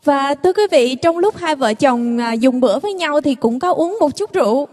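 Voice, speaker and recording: A woman telling a joke to an audience slowly and hesitantly, with many fillers. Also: high-pitched, expressive, darkish tone, in a large hall. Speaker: joke teller.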